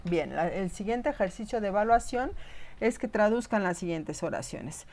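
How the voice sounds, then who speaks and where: A woman's voice: mid-range voice, expressive, moderate pace, a little mellow. Patient woman teaching grammar. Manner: patient, explanatory, checks understanding with frequent "¿no?". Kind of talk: recorded online lecture.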